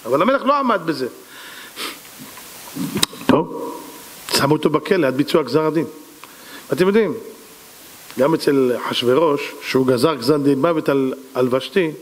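Animated male rabbi, fairly high voice, rhetorical questions, echoey hall. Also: pauses often. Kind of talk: sermon with storytelling.

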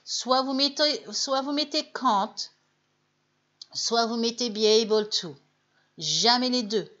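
A woman teaching English on a live stream in French. She chats with viewers, reads their names, corrects them gently and says the English model phrases slowly. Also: a little high, muffled recording.

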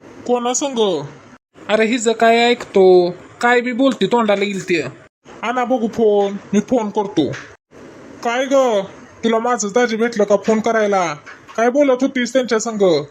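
A woman's voice: on the high side, unhurried, long pauses, a little mellow, a little hiss or hum, natural voice. A woman voicing a blunt young man, the wife's brother, who scolds and threatens. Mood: scolding.

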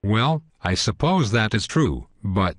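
A man's voice: lowish voice, sing-song, slow, no room sound, clean studio sound, full character voice. A synthetic male voice playing a hesitant, reasonable guest in a scripted satirical cartoon interview, speaking earnestly and stiffly.

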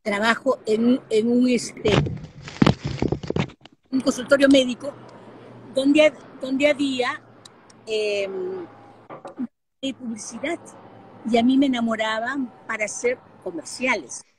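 An older woman with a Peruvian Spanish accent, a guest telling lively stories in a casual interview with plenty of fillers. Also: fairly high pitch, slow pace, long pauses, a little hiss or hum. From Peru. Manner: lively storyteller, frequent fillers. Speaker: guest, actress and broadcaster. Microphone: video call.

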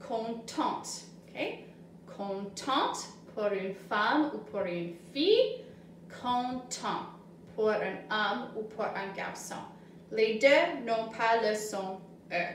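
Very slow woman in echoey room. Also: a little high, expressive, far from the mic, slight background noise. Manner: slow and clear, repeating words and switching to English translations. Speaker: teacher. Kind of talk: slow, simple French lesson for children.

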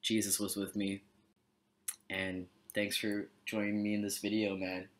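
A young Canadian man chats casually and jokingly as a vlogger on a webcam in a small bedroom, laid-back and sometimes mumbling. His voice is lowish and level, at a measured pace.

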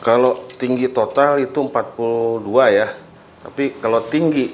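Indoors in a workshop lined with wall-mounted tools, a man in his forties hosts a relaxed DIY review vlog, explaining each step and tossing in friendly side comments. He speaks at medium pitch and a moderate pace, with a slight background noise.

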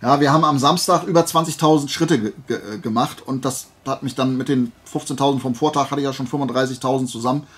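Speaking fast with few pauses, this man has a mid-range voice and a fairly bright tone. As a flea market haul video host, he rambles casually to viewers, drifting off track and then correcting himself.

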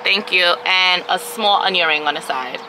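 Low-voiced woman ordering at a drive-through. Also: moderate pace. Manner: polite, hesitant with fillers. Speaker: vlogger. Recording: noisy car recording.

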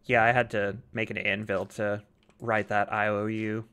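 A man hosting a gaming channel, bantering loosely with a friend as they play together. He keeps things laid-back and jokey, often breaking into a chuckle. His voice sits on the low side. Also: flat delivery, normal speed, fairly bright tone, clear, resonant tone. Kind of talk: casual chat while playing a modded game.

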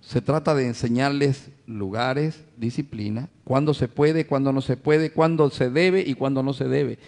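A man's voice: medium pitch, a little slow, darkish tone. A male pastor preaching a sermon to his congregation, addressing them as brothers, asking rhetorical questions and acting out everyday family scenes.

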